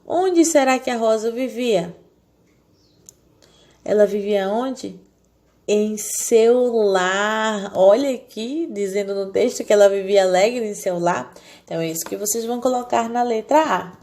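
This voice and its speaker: A woman's voice: a little high, animated, normal speed. A woman teaching a recorded lesson to young children. She explains patiently and keeps asking the class questions, then answers them herself. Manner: talks down gently to small children. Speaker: primary school teacher.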